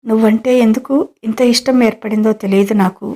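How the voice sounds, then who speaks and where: A woman's voice: on the high side, steady tone, fairly quick, dark tone, natural voice. Woman reading as a pleading, doting man. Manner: pleading, coaxing. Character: middle-aged man, an employer, pleading and doting.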